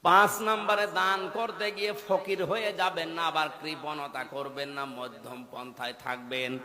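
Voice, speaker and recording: A man in his thirties preaching a sermon, dropping to low murmurs and rising to loud chanted peaks. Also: fairly even intonation, normal speed. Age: 30s. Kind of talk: Bengali waz sermon with chanted passages. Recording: echoey hall with long reverb.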